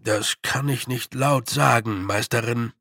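A tiny, tough fairy clan chief, as a man puts him on speaks with nervous deference. The delivery is very slow and gravelly. The sound is close and dry. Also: mid-range voice, bright, forceful tone, no echo, full character voice.

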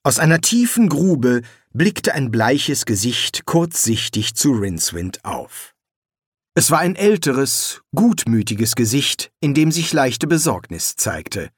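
A narrator reading a fantasy audiobook in measured, expressive storytelling. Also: medium pitch, breathy edge, dry recording, studio quality. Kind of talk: scripted narration.

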